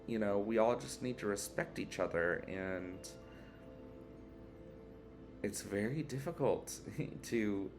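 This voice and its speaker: A tired man answering tag questions in a relaxed, rambling casual chat at home, yawning now and then. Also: lowish voice, vocal fry. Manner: relaxed, rambling, with fillers and restarts. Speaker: witchcraft vlogger answering a tag. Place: one-bedroom apartment.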